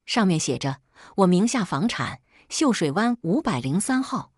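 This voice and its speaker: Woman voicing a smug young pregnant wife, husky low voice, dry audiobook read. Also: very animated, moderate pace, no echo.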